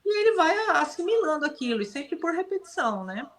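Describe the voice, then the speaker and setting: A woman with a somewhat high voice answers questions as a guest on a live stream. She explains things in a casual, patient way and keeps checking in with her listener. She is from Brazil. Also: big pitch swings, quick pace, a crowd in the background. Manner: explanatory, uses many tag questions. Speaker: guest, dog breeder. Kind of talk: casual advice in a live interview.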